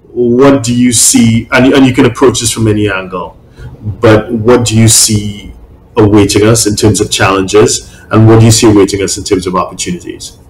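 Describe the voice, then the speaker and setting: A man with a fairly low voice hosts the interview, encouraging his guest and murmuring agreement often. His voice carries a roomy echo. Faint background noise sits under it. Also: fairly even intonation, moderate pace. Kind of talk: casual interview questions.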